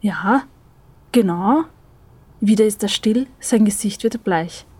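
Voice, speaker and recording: A woman narrating an audio story in a lively, expressive way. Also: medium pitch, moderate pace, husky, dry recording.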